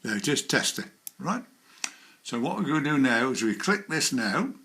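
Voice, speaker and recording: A man presents an informal how-to video, demonstrating software step by step and talking through each click as he makes it in a practical, hands-on way. His voice is bright and clear-cut, middling in pitch, with big pitch swings and a normal speed.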